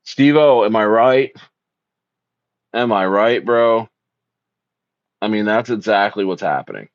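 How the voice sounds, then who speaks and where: Reading viewer comments on his casual livestream, a South Jersey man speaks slowly in a lowish voice with lively intonation. He hypes everything up, repeating himself in slang and saying "bro" constantly; the recording is dry, dull, and lo-fi.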